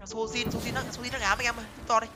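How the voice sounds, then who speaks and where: A young man giving excited live commentary on his game, talking to viewers and repeating words in quick bursts. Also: very high-pitched. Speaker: game streamer. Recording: music playing behind voice.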